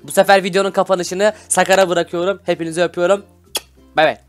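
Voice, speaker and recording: A man's voice: sits high, little pitch movement, quick pace, faint music behind. A young man hosting a casual Minecraft gameplay video, teasing and bossing his playmate, laughing often and turning to talk to his viewers. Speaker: gaming channel host.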